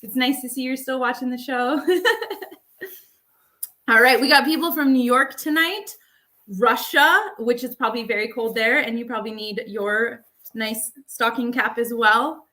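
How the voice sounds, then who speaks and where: A woman hosts a live online show in a casual, upbeat way, with plenty of fillers. Her voice is bright and sits a little high. She talks into a makeshift microphone. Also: steady tone, normal speed. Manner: chatty, upbeat, many fillers. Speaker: livestream host. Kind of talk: casual live webinar hosting.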